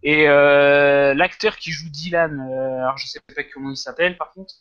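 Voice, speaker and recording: A man with a French accent giving his views in a casual film review chat, measured and hesitant. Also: on the high side, steady tone, smooth, lo-fi sound.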